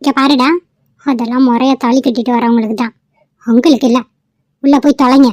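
A woman's voice: high voice, steady tone, brisk, a little mellow, no room sound, natural voice, low-quality recording. A woman voicing a middle-aged village mother in a cartoon, scolding and sarcastic toward her son. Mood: grumbling. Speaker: mother of the groom. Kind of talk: cartoon voice acting.

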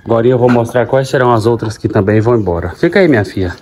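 A man's voice: mid-range voice, animated, rapid-fire, a little mellow, a little hiss or hum. Tender farmer talking to his cows. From Goiás, Brazil. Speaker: farmer and vlogger. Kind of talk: casual farm vlog. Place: outdoors on a farm, by a corral.

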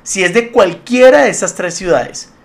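A man's voice: high-pitched, normal speed, creaky. A man giving a casual spreadsheet lesson, chatty and laughing easily as he talks to his viewers. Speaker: Excel tutorial instructor.

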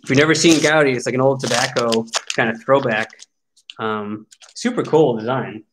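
A man's voice: medium pitch, normal speed, background noise. Wry, chatty man in his forties. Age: 40s. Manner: wry, chatty, grumbling jokingly at packs. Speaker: card break host. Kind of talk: casual card-opening commentary.

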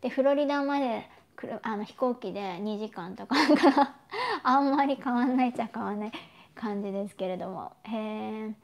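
A woman from Japan hosts a relaxed solo chat, her voice pitched a little high. She talks loosely, filling pauses and laughing easily as she answers listeners. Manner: chatty, frequent fillers and laughs. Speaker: host. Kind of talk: casual solo chat reading listener messages.

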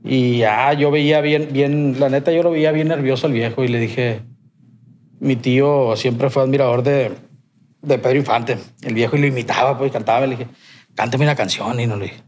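A man's voice: medium pitch, steady tone, normal speed, a little mellow, a little hiss or hum. A man with a Sinaloan accent, a podcast guest telling a long personal story in rambling, slang-heavy, swearing speech. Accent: Sinaloan Mexican Spanish. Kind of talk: casual storytelling.

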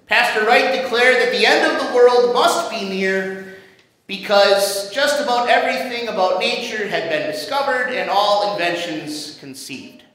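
Male pastor, sermon, storytelling, high pitched bright voice, very echoey church hall. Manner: storytelling, measured and dramatic. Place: church sanctuary.

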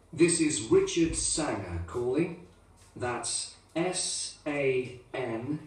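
An actor playing a man leaving a voicemail at a hotel, speaking slowly and spelling out his name letter by letter. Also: a little high, recorded from a distance, slight background noise. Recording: echoey coursebook audio from a room speaker.

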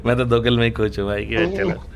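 A man on voice chat during a game, giving loud, urgent callouts to his team. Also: mid-range voice, fairly even intonation, quick pace, noisy background. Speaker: teammate in voice chat.

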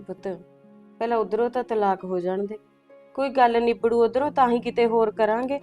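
A woman playing a calm, soothing village mother. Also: a little high, fairly quick, muffled recording, faint music behind, natural voice. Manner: calm, coaxing, keeps calling her children "son".

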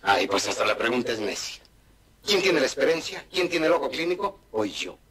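A man's voice: medium pitch, very animated, moderate pace, natural voice. A man playing a cheeky, boastful streetwise talker who rambles through jumbled wordplay in a vintage TV comedy sketch. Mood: cheeky rambling. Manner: rambling, wordplay-laden chatter. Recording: old TV sketch with audience laughter. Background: studio audience laughing.

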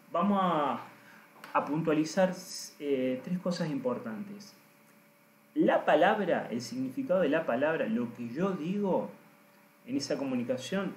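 A man, a coach giving a deliberate, emphatic lesson and speaking straight to his listeners. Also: a little high, darkish tone, slight background noise. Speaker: coach teaching trainers. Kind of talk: recorded lesson. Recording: roomy echo.

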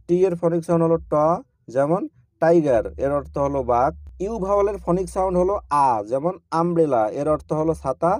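A man's voice: a little high, darkish tone, no echo. A man teaching children English letter sounds in a patient, repetitive lesson style. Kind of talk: slow phonics lesson for children.

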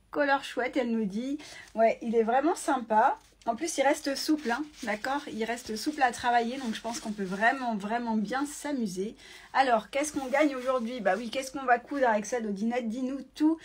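A woman talking casually on a phone in selfie mode during a live giveaway, chatty and quick, reading viewer comments aloud. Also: fairly high pitch. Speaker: sewing shop owner hosting a live giveaway. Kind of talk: casual live stream chat.

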